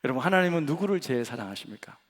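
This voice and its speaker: A middle-aged man preaching a sermon as senior pastor, telling stories in an animated way and acting out the dialogue. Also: mid-range voice, very fast. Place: large church sanctuary. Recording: long church hall reverb.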